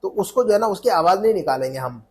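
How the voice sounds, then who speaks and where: A man's voice: high voice, lively intonation, fast, slight background noise. A man teaching an Arabic lesson in Urdu, repeating phrases and checking that students follow.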